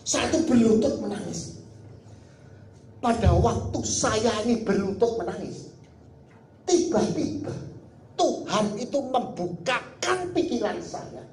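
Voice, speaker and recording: A man's voice: high voice, expressive, slow, long pauses, a little mellow, slight background noise. A male pastor telling a personal story in a conversational sermon, often turning to the congregation. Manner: conversational, addresses the congregation as "saudara". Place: church hall. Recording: echoey church hall recording.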